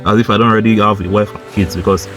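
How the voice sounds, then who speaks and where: Low-voiced young man giving blunt advice. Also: fairly even intonation, fast talker, music in the background. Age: 20s. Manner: blunt, swearing, heavy use of "like" and "bro"; insistent, repeats points for emphasis. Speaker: motivational YouTuber. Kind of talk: casual motivational monologue.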